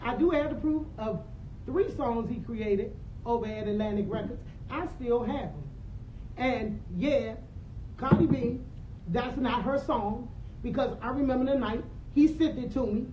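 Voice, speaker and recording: A woman, the speaker's mother, calmly and insistently cutting in to settle him down and back him up. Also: a little high, measured pace, noisy background. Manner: calm, soothing, insistent. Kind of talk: interjecting in live stream. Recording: roomy, distant, dull sound.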